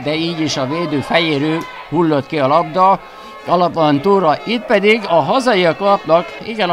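Guy doing excited football commentary, pretty high voice, gets loud on the big chances. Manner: excited, rising into shouts at chances. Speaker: football commentator for the visiting team. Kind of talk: live-style football highlights commentary.

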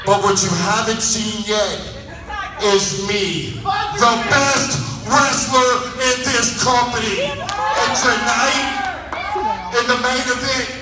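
Young man, very high voice, boastful wrestler promo, taunting shouts, heavily echoing hall. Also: animated, slow. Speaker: professional wrestler. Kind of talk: wrestling promo to a live crowd. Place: large auditorium with stage and wrestling ring, indoors. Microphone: handheld mic over PA, captured by distant audience camera. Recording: echoey hall PA, recorded from far off. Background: crowd noise, music.

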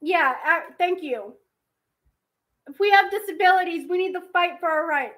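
A woman's voice: extremely high pitch, moderate pace, fairly bright tone, a little hiss or hum. A woman ranting angrily on a livestream, swearing freely. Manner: angry, swearing. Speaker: streamer in a played clip. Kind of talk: angry livestream rant.

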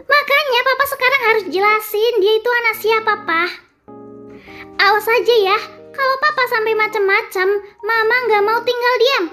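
A woman voicing a shrill, dramatic young mom. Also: expressive, a little slow, fairly bright tone, faint music behind, heavily acted. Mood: tearful, accusing. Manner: dramatic, sobbing accusations. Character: emotional young mother, quick to jealousy. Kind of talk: game role-play storytelling.

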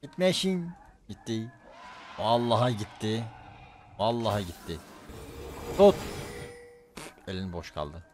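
A young man streaming a game, loud and excitable, swearing and yelling at his teammates. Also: fairly low pitch, takes it slowly, pauses often, a little hiss or hum. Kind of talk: live gaming commentary.

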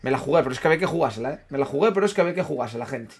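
A young man giving casual commentary while playing a football management game, chatting with viewers, swearing and yelling at big moments, then muttering low. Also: expressive, racing, breathy edge. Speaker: gaming streamer. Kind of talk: casual live gameplay commentary.

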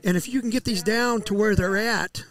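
A middle-aged man, a fishing guide, explaining his methods in a relaxed, casual interview outdoors on a headset mic, with fillers and restarts. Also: high voice, moderate pace. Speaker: walleye fishing guide, podcast guest. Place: outdoor deck by a lake.

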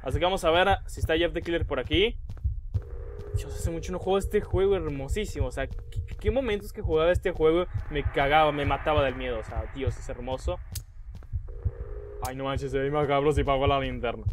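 Young gaming YouTuber, high-pitched man, jumpy, shrieks at scares. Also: fairly quick, a little hiss or hum. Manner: excitable, yelps and squeals when scared. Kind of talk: let's play commentary.

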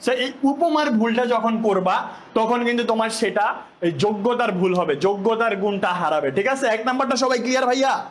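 A man's voice: very high voice, brisk. A young man from Bangladesh, speaking as an online tutor, teasing his students and firing questions at them. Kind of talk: live online class lecture.

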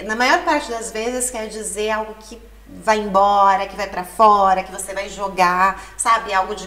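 A woman teaching an Italian lesson to Portuguese speakers, explaining patiently and reading lyric lines aloud slowly. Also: medium pitch, fairly bright tone, a little hiss or hum. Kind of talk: language lesson. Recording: echoey room, mic at a distance.

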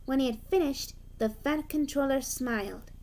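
A woman reading a children's train story aloud in a gentle, unhurried storytelling manner. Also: high-pitched. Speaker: storybook reader.

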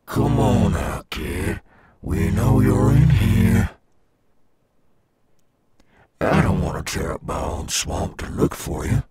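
A deep, slow-talking robot alligator rockstar, acted by a man for an ASMR audio roleplay. He swaggers with a gravelly edge as he coaxes a young listener, his pitch swinging freely. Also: lively intonation, mellow. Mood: coaxing, searching. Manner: slow, coaxing, addressing a child listener. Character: cool, swaggering male animatronic alligator rockstar guarding his golf course.

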